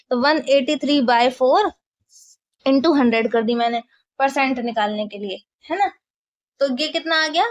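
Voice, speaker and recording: A woman teaching a maths lesson, explaining step by step and often asking if the class follows. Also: sits high.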